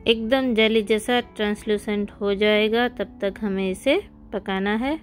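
A woman's voice: mid-range voice, steady tone, measured pace. A woman hosting a cooking channel, giving friendly step-by-step recipe instructions in a voice-over. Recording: soft background music.

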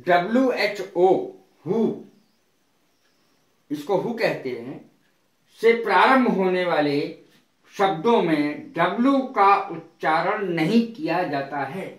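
A man teaching an English lesson, speaking deliberately and spelling words out letter by letter. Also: high voice, animated, roomy sound. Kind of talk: spoken language lesson.

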